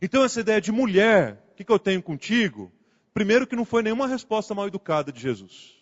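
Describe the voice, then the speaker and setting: A man's voice: sits high, very animated, fast talker. A male pastor giving a conversational sermon, acting out the quoted dialogue as he goes. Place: church sanctuary. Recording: muffled sound with long hall reverb.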